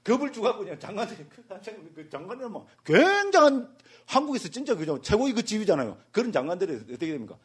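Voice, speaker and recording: A man, a Buddhist monk, giving a jokey, animated lecture and keeps asking the class "right?". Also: sits high, quick pace, slightly rough. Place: meditation center lecture hall.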